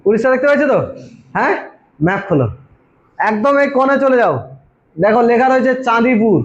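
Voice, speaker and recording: Man, very high voice, coaching teacher, quizzing students, self-answering, dull lo-fi sound. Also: lively intonation, quick pace. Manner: quizzes students constantly, answers his own questions. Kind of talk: informal classroom lecture. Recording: dull lo-fi recording.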